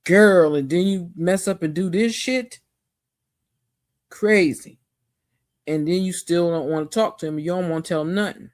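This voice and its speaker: A woman giving a casual, animated, slangy recap of a TV episode as a show reviewer. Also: deep voice, no echo, clean studio sound.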